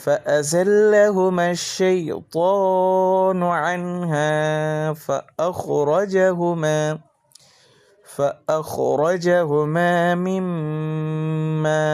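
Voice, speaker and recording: Slow-spoken man teaching Quran reading. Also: fairly high pitch. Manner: spells out letters and vowel marks in a steady chant; slow drawn-out Quranic chanting. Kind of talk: letter-by-letter tajweed lesson.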